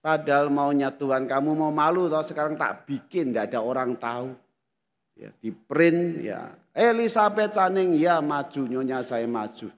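Older pastor in reverberant hall. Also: male voice, mid-range voice. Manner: folksy, keeps addressing the congregation as "brothers and sisters". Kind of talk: storytelling sermon. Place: church hall. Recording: long reverb of a church hall.

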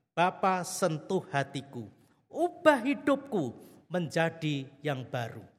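A man preaching a sermon, telling a story dramatically, with loud exclamations and soft, low passages. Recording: hall reverb.

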